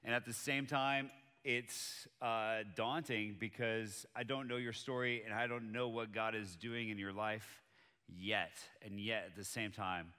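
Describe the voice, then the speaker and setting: Bright-voiced pastor in a reverberant hall. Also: male voice, on the low side, fairly even intonation, a little slow, clear, resonant tone. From Colombia. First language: Spanish. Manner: conversational, personal preaching. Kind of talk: sermon. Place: church auditorium with live audience.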